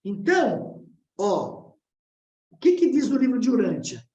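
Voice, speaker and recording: A woman with a Brazilian Portuguese accent leads a study lesson, talking to the class and checking they follow along. Her voice sits a little high and moves around a lot in pitch. The recording has a roomy echo. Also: sing-song, measured pace, dark tone, muffled recording. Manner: engaging, addresses the class directly with questions. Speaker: class presenter. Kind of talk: explanatory study-group lesson.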